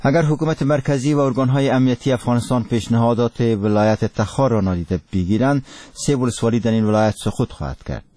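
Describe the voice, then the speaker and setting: Male radio newsreader, Afghan Dari accent, solemn, formal, dark relaxed tone, scripted delivery, dry studio sound. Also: medium pitch, no room sound. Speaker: radio news presenter. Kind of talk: scripted radio news reading.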